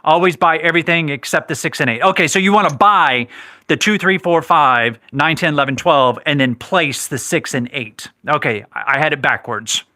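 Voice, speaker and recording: A man's voice: fairly high pitch, moderate pace, pushed and bright, no room sound, studio quality. A man hosting a live craps stream, chatting casually, reading viewer comments and correcting himself, while he has the hiccups. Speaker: livestream host.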